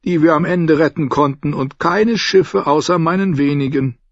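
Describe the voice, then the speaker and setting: A man's voice: a little high, moderate pace, no room sound, voice pushed up, lightly acted. A man voicing a genial, sly older pirate merchant who talks in a coaxing, lilting way in a storybook reading. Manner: lilting, coaxing, fond of flattery. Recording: dull dry studio audiobook.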